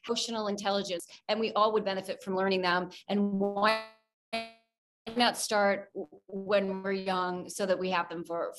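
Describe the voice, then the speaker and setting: A woman's voice: mid-range voice, steady tone, normal speed, soft background music, low-quality recording. A woman guest expert on an interview, explaining her ideas earnestly.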